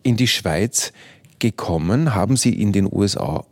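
A man interviewing a guest on the radio, asking questions in a measured, polite way. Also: lowish voice, expressive.

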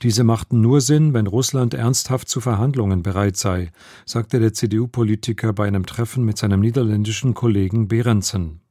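A man reading the radio news in a measured, formal studio delivery. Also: fairly low pitch, fairly even intonation, mellow, no echo. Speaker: newsreader.

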